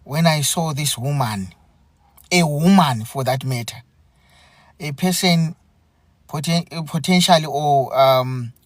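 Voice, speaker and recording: A man hosts a live stream in a slightly raised voice. He talks very slowly, in an earnest, halting way, often circling back over his own words. The sound is dry, with no room echo. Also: on the high side. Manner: halting, earnest, repeats himself. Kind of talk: unscripted live commentary.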